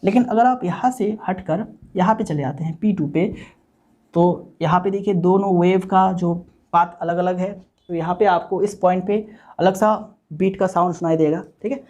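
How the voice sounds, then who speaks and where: Mellow-voiced teacher, patient step-by-step. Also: medium pitch, normal speed, highs cut off. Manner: explains step by step, with frequent "okay" check-ins; repeats points and mixes in English technical terms. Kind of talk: recorded online physics lecture.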